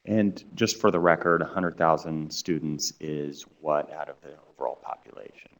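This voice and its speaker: A man's voice: rumbling low, moderate pace. A man chairing a committee meeting, politely asking for comments and clarifications. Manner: polite, procedural.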